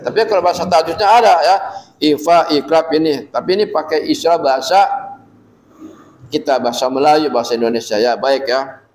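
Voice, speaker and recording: A man teaching Quran recitation rules to a class of women, patiently quizzing them and chanting the verses slowly. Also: on the high side, a little mellow, rough recording.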